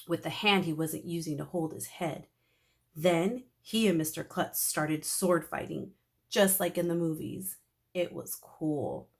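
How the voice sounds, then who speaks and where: A woman teacher with a low, creaky voice reads a children's chapter book aloud. Her storytelling is expressive and animated.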